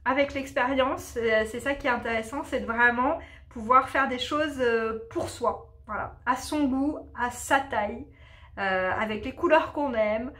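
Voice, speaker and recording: Here a knitting podcast host, who teaches English on the side, chats informally with frequent fillers and restarts. Her pitch is fairly high, her pace a little slow, and her tone fairly bright.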